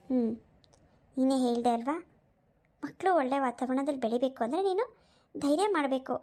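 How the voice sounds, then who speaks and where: A woman's voice: high voice, a little mellow, close to an everyday voice. A woman voicing an outspoken village woman in a cartoon who lectures and scolds emphatically while standing up for her friend. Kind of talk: cartoon voice acting.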